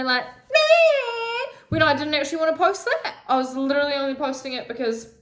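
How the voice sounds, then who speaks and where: Young woman, raw confessional vlogger, swears freely, slightly high voice, phone in a roomy space. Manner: raw, emotional, swears often. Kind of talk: candid confessional vlog. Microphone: phone camera.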